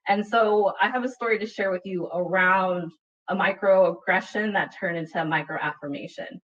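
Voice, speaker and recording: This Utah woman's voice sits fairly low and fairly bright, moving at a normal speed with a steady tone. On a webinar panel she shares a personal story earnestly and reflectively, frequently adding "right?". The sound, picked up by a computer mic on a video call, comes across dull and far away.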